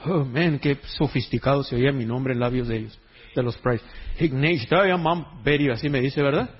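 A man's voice: medium pitch, brisk, breathy edge, muffled recording. A man preaching a sermon in a joking, conversational way, full of slang. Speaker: pastor.

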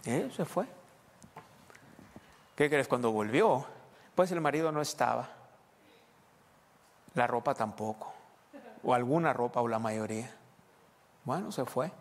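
Preacher with a northern Mexican accent. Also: male voice, medium pitch, unhurried, long pauses, in a large hall. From Sonora, Mexico. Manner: conversational, engaging the congregation with tag questions. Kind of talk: storytelling sermon. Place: church.

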